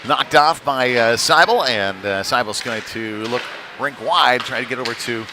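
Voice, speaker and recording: A man with a medium-pitched voice and moderate pace does casual, unpolished play-by-play for a youth hockey game, building up as the action does. He's at a cold ice rink streaming live, and the venue noise is plainly heard behind his voice.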